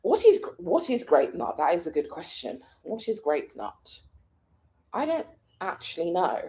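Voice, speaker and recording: British woman vlogger chatting with lively swings in a low voice. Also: unhurried. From Britain. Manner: rambling, easily distracted, thinks out loud, laughs often. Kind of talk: casual vlog chat.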